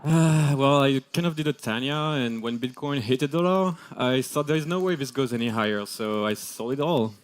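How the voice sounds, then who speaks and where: A man's voice: medium pitch, normal speed, hardly any pauses. A man with a French accent presenting a scripted keynote on stage, bantering playfully with his co-presenters. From France. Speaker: crypto executive presenter.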